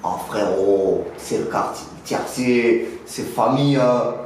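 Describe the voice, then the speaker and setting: A man's voice: mid-range voice, slow, a little mellow, lightly acted. Echoey man playing a slangy French street dealer. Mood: boastful, streetwise. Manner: slangy, rambling, punctuated with filler address words. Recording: very echoey room, faint noise.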